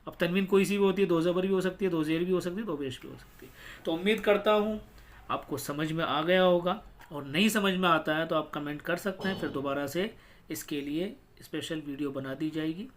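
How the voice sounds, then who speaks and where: A man teaching a Quran reading lesson, explaining rules patiently and then spelling out syllables slowly one by one. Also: a little high.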